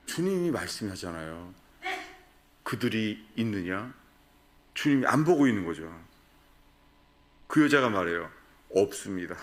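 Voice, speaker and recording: A man's voice: on the low side, fairly bright tone. A man preaching a sermon at a prayer retreat, asking the congregation questions and acting out quoted voices. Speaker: pastor.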